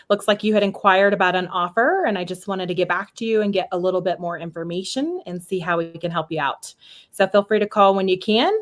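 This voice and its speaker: A woman leaving a brisk, upbeat voicemail for a property seller, ending with a callback number. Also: on the low side. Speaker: real estate caller returning seller leads.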